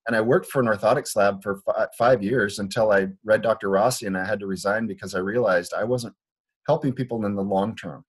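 A man's voice: lowish voice, a little fast, slightly rough. A man from Liberia, a foot doctor, explaining his views in an earnest, conversational way with frequent restarts. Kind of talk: conversational interview. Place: Portland, Oregon clinic.

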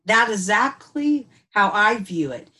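Podcast co-host, woman, reflective, mid-pitched, laughs easily. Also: lively intonation, unhurried, sharp tone. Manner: thoughtful, unpacks ideas aloud with frequent "and so" restarts. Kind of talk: casual reflective podcast chat.

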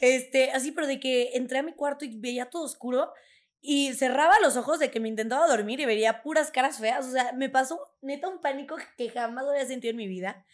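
Chatty young Mexican woman, slightly high. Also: a little fast. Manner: chatty storytelling, fillers like "o sea". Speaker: podcast co-host. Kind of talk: casual chat.

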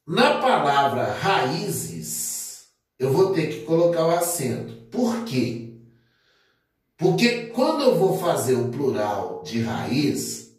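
Slow, methodical teacher in echoey room. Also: male voice, medium pitch, a little mellow. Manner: methodical, repeats points, many fillers. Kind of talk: grammar lesson at a board. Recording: echoey room, distant mic.

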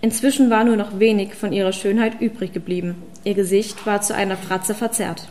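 A woman reading a fantasy audiobook as narrator, in even, measured storytelling. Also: mid-range voice, slight background noise. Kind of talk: scripted narration.

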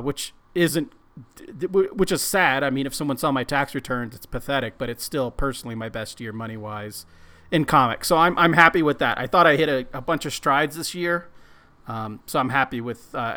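A man's voice: medium pitch, brisk, bright, forceful tone. A middle-aged man co-hosting a podcast in casual chat, with joking, self-deprecating banter. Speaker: podcast co-host.

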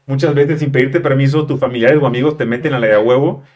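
A Mexican man with a Mexican Spanish accent hosts a casual interview-style talk show, reading viewer questions in a chatty, slangy way. His voice is mid-range, fairly even, fast and a little mellow.

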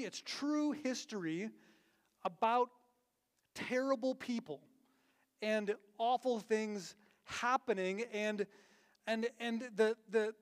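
Man, pastor, casual sermon, loose and chatty, many restarts, echoing church hall. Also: high voice. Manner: conversational, many fillers and restarts.

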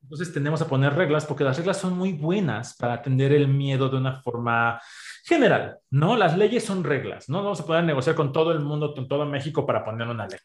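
A man with a Mexican accent in a podcast conversation, explaining ideas with everyday examples in an animated way. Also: fairly high pitch, fairly quick. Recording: roomy echo.

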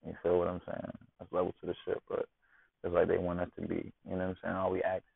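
Deep gravelly man, tinny and dry. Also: completely flat delivery, fast, no room sound. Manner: slangy, constantly asks "you know what I'm saying". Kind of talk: casual monologue. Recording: tinny phone-like dry sound.

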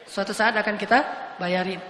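A woman's voice: medium pitch, steady tone, normal speed, a bit bright. A woman giving a humorous, casual sermon with playful, jokey storytelling. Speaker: preacher. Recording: echoey hall with long reverb.

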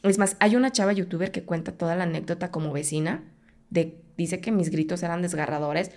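A woman's voice: lowish voice, steady tone, a little fast, darkish tone. Intense Mexican woman retelling an ordeal. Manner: intense retelling that acts out her own past pleas. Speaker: podcast guest. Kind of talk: personal story told in conversation.

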